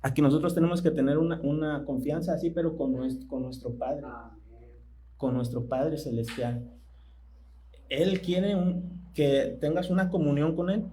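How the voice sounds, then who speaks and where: A man preaching a sermon in church, speaking conversationally and asking his congregation questions that he pauses to let them answer. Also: fairly high pitch, steady tone, mellow, low-quality recording.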